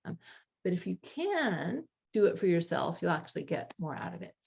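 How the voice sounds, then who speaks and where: A woman's voice: on the low side, sing-song, normal speed, vocal fry, darkish tone, breathy edge. A woman teaching in an informal, explanatory way, conversational and stressing her key words. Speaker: self-compassion teacher.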